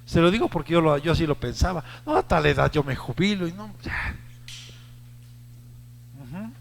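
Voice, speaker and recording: Gravelly high-voiced Mexican pastor preaching. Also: male voice, very animated, moderate pace, big-room sound, a little hiss or hum. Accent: Mexican Spanish. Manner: preaching with sudden shouted peaks and acted-out quotes; addresses the congregation directly with call-and-response prompts. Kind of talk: sermon.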